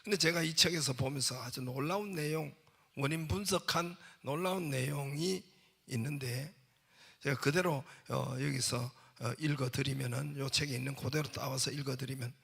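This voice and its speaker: A man's voice: medium pitch, moderate pace, gravelly, a bit bright, slightly rough. A man preaching a sermon as pastor, telling jokes and asking his congregation questions. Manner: jokey storytelling, asks the congregation questions. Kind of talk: sermon with humorous anecdotes. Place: church sanctuary.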